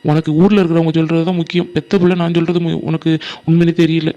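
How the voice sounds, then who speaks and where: A man's voice: a little high, little pitch movement, fast talker, warm tone, dull audio, natural voice. A man voicing a hurt young son who bitterly complains that his mother never believes him, in a homemade cartoon. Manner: bitter and exasperated.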